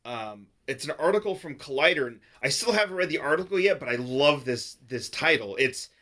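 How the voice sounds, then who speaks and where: A man's voice: medium pitch, a little fast. A man co-hosting a podcast, talking casually and rambling with lots of fillers. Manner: rambling, filler-heavy, animated. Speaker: podcast co-host.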